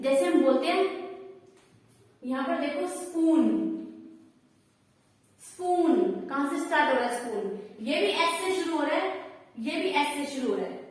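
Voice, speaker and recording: A woman teaching an English grammar lesson, asking questions and answering them herself, repeating the key words. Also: high voice. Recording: echoey hall, voice from far off.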